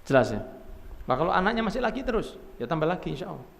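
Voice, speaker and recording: A man preaching with a Javanese accent, his slightly high voice carrying a gravelly rasp. He speaks with animated swings, lifting steeply in emphasis and falling back to quiet asides. The sound rings with a long echo, as in a hall. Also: very fast, slight background noise. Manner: animated, rising sharply when stirred, mixing in Javanese phrases. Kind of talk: sermon.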